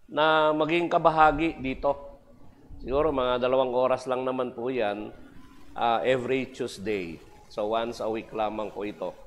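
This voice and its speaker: A man preaching a sermon as pastor, switching between Tagalog and English with polite particles and frequent fillers. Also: medium pitch. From Philippines. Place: church sanctuary. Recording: long church reverb.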